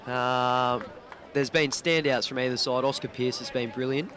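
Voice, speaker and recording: A man with an Australian accent doing relaxed, chatty commentary of a local football match from a box above the ground. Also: mid-range voice, moderate pace. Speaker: sports commentator. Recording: crowd noise behind the voice.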